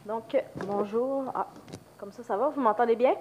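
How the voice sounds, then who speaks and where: Higher-pitched Quebec French woman with flu. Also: moderate pace, a little mellow, slight background noise. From Quebec, Canada. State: has the flu. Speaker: university lecturer and researcher. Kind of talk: conference presentation, informal.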